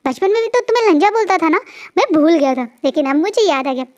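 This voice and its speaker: Woman doing a teasing young man, cheeky, bantering, high-pitched, storybook retelling. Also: animated, fast talker. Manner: coaxing, bantering.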